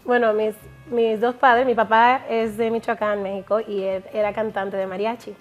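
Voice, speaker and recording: A woman's voice: a little high, flat delivery, normal speed, lo-fi sound, faint music behind. A middle-aged woman from Puerto Rico, a musician guest in a casual interview, who laughs often while she talks.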